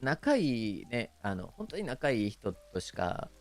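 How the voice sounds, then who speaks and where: Lively Kansai-accented man chatting. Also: mid-range voice, measured pace. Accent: Kansai Japanese. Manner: hesitant, many fillers, laughs often. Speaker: streamer. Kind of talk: casual stream chat.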